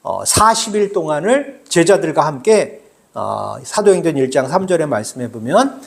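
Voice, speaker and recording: A man's voice: on the high side, sing-song, moderate pace, gravelly. A middle-aged male pastor preaching a sermon in a conversational way, explaining with everyday examples.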